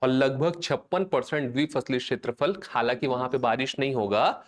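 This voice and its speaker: Guy teaching an exam class, chatty, keeps asking if students got it. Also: medium pitch. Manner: call-and-response drilling, chanting mnemonics slowly; conversational, checks in with students often. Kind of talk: live online class lecture.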